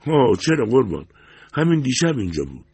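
A man voicing a big, calm diner manager with a deep voice, speaking politely and formally. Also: creaky, husky, dry recording, heavily acted.

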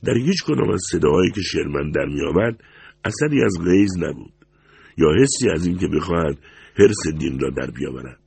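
Low, gravelly male storyteller. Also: expressive, a little mellow, no room sound. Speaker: audiobook narrator. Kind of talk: story narration.

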